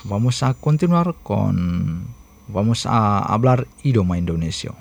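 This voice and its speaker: A man's voice: fairly low pitch, expressive, measured pace, gravelly, slight background noise. A man reading a formal radio station announcement with frequency details. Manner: formal, reads out frequency and website.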